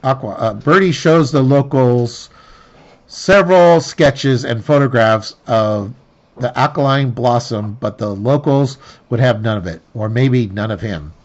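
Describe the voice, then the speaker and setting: A man's voice: mid-range voice, a little slow. Man reading game narration, muffled sound. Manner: stumbling restarts and self-corrections while reading. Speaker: player reading the scenario aloud. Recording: dull lo-fi sound.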